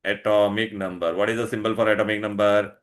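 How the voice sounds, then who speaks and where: Speaking fast with a fairly low, flat voice, a man with an Indian accent teaches an online science lesson. He is instructive and repetitive, questioning pupils and often pausing to make sure they're keeping up.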